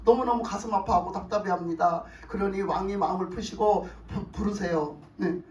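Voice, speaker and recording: A man's voice: high voice, moderate pace, darkish tone, roomy sound, distant mic, voice pushed down, lightly acted. A preacher voicing a loyal older army general who pleads earnestly before the king. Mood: pleading.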